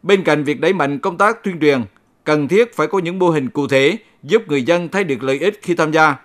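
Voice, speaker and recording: A man with a somewhat high-pitched voice presents local radio news. He reads from a script in a formal announcer's style, keeping his delivery measured and orderly.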